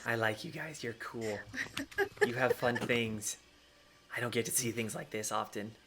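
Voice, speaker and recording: A man's voice: medium pitch, unhurried, pushed and bright, slight background noise. A man voicing a small, flighty female pixie-like skyport keeper in a tabletop game, impish, childlike, blunt and giggly. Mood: impressed.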